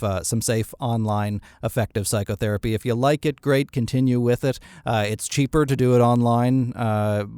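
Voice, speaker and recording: Male podcast host, Maritime Canadian accent, chatty and self-deprecating, medium pitch, very dry close recording. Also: darkish tone, smooth, dry recording. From Cape Breton, Canada. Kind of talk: casual podcast talk.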